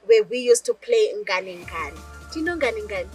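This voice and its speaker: A woman's voice: medium pitch, animated, measured pace, faint music behind, rough recording. A young South African woman, a native Northern Sotho speaker, talking straight to her viewers as a storyteller and asking them questions as she goes. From rural South Africa. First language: Northern Sotho (Lobedu). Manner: chatty, addresses viewers directly with rhetorical questions. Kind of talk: direct-to-camera personal vlog.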